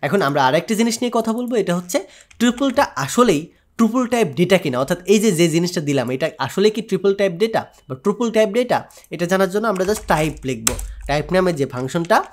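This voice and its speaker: A man's voice: high voice, lively intonation, fairly quick. Bangladeshi man explaining code step by step. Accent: Bangladeshi Bengali. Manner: explains step by step, mixes English terms into Bengali. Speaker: programming tutor. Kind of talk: screen-share coding tutorial.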